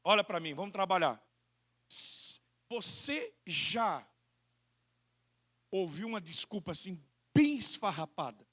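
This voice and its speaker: A male pastor with a Brazilian Portuguese accent, preaching an animated sermon and acting out people's excuses in quoted voices. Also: sits high, measured pace, long pauses.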